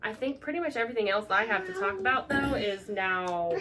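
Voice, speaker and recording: A young woman co-hosting a casual knitting podcast, chatty and gushing, with sudden excited gasps. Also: mid-range voice, a little fast, very noisy. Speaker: podcast co-host.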